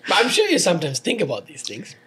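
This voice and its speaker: Man, 40s, podcast host, very fast, slightly high, husky. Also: huge pitch swings, fairly bright tone. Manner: fast-talking, switches into Tamil mid-sentence. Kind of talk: casual interview chat.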